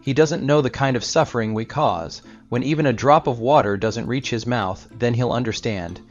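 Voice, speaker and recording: A man's voice: medium pitch, normal speed, close to an everyday voice. Guy reading nasty village thugs in a storybook, mocking and threatening, midrange voice. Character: menacing stick-carrying village bullies. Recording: slightly dull recording with soft music.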